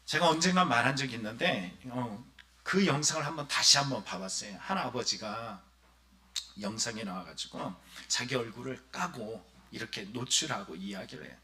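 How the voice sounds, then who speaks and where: A man's voice: medium pitch, moderate pace. A man, a pastor, preaching a Sunday sermon, speaking straight to the congregation and acting out the voices in his story. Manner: animated preaching, often addressing the congregation directly; acts out quoted voices of villagers and the son.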